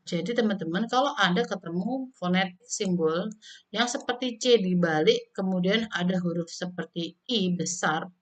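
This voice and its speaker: A woman teaching English pronunciation in a casual recorded lesson, loudly modeling each sound and repeating it with friendly filler tags. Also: mid-range voice, moderate pace.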